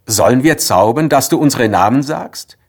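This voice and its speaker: A man's voice: medium pitch, animated, normal speed, pitched above the performer's own voice. A man doing two cheeky talking letters. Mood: teasing.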